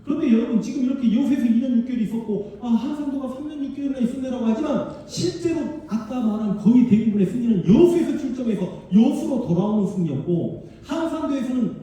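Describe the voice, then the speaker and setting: Male history lecturer, lively and emphatic, dark voice, heard from afar in a booming hall. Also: quick pace, few pauses. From Korea, Honam region. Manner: animated, emphatic, chatty with the audience. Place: large civic auditorium. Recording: distant, very echoey hall sound.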